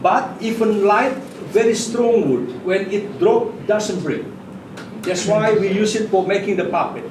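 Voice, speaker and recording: An Indonesian-accented man with a high voice leads a casual puppet workshop, demonstrating the craft. His speech comes in brief, simple, faltering phrases. He's recorded from afar in a reverberant room with noticeable background noise.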